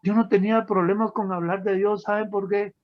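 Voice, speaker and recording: A man's voice: high voice, little pitch movement, a little fast. A man telling his personal testimony to an audience, emotional and storytelling, calling his listeners friends. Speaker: testimony speaker. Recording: dull lo-fi sound.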